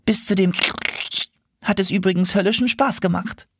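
A man voicing a plucky, inventive young female seahorse in a children's story, with a high, excited girlish voice. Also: normal speed, a little hiss or hum. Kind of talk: storybook character voice.

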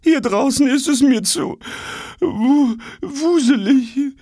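A man's voice: extremely high pitch, animated, slow, darkish tone, no room sound, studio quality, voice pushed up, heavily acted. A man voicing a timid female plastic bag with a thin, fluttery voice in a children's audiobook. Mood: pleading. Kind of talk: audiobook role.

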